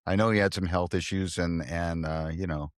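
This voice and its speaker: Male podcast host; lowish voice, chummy and relaxed, dry close recording. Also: normal speed, dry recording. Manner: relaxed, chummy, laughs along. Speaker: podcast host, former radio colleague. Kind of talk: casual interview chat.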